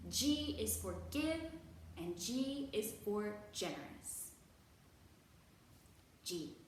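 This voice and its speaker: In a very echoey room, picked up by a distant mic over faint noise, a woman hosts library storytime for kids. Her mid-range voice is animated and encouraging, and she enunciates key words slowly and exaggeratedly.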